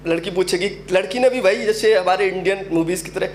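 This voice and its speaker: A young man doing a stand-up comedy set, telling stories with a UP Hindi accent and acting out characters in quick asides. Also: sits high, slight background noise. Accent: Uttar Pradesh Hindi. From Uttar Pradesh, India.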